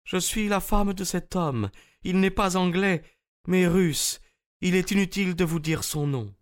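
A man's voice: sits high, a little slow, voice pushed up. A man voicing a dignified older woman with a foreign accent in an audiobook, speaking with solemn gravity. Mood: confessing.

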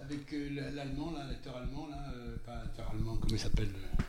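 A man, a voice actor, telling anecdotes in a relaxed interview, with frequent hesitations and fillers. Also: medium pitch, racing, a crowd in the background. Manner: storytelling, hesitant with many fillers. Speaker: voice actor guest.

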